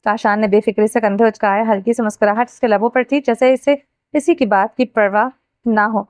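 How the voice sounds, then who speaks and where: A woman with a fairly high voice reads a romance novel aloud. She tells the story steadily. The recording is close and dry. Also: fairly even intonation, a little mellow, no room sound. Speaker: narrator.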